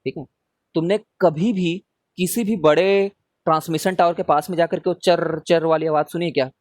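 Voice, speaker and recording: Chatty male teacher with a slightly high voice. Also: fairly even intonation, a little fast, darkish tone, dry recording. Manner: casual, chatty, keeps checking in with students; answers questions read out from students. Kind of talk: live online revision class.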